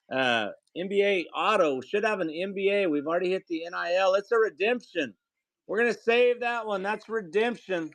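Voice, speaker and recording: A man's voice: high voice, no room sound. A man hosting a live card break, reading off player names and calling out the hits to viewers.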